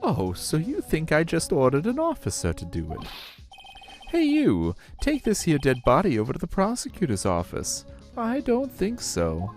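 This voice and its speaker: A man voicing a pompous older male police chief in a fan dub of a game, speaking in a slow, mocking, theatrical way. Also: fairly high pitch, huge pitch swings, soft background music, voice pushed up. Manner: slow, drawn-out, mocking delivery.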